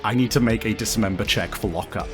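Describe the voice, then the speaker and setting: Over music, a man with a lowish voice improvises narration as a tabletop game master. His descriptions are vivid and dramatic, though delivered haltingly.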